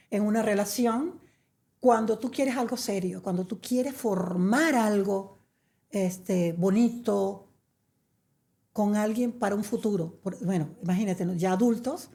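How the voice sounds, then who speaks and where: A middle-aged Venezuelan woman tells her story as a guest in a chatty, conversational interview, using many fillers. Her mid-range voice has vocal fry and a dark tone.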